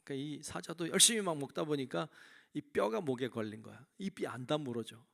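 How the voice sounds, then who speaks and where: Gravelly-voiced male pastor preaching. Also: fairly high pitch, expressive, a little fast, a bit bright. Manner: storytelling, asks the congregation questions. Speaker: senior pastor. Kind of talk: sermon. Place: church.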